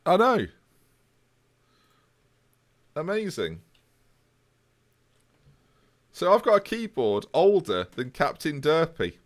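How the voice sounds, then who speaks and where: A man's voice: a little high, huge pitch swings, slow. A man, chatting casually with viewers on a live stream. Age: 20s. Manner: chatty, jokey, answers chat.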